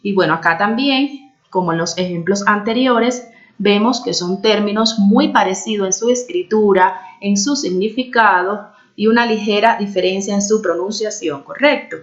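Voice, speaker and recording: A woman teacher walks through a recorded lesson in an explanatory tone. She often pauses to check that her students follow and slows down on key words. The audio is a little dull and lo-fi. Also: mid-range voice. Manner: stretches out key words when stressing them. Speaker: primary school teacher.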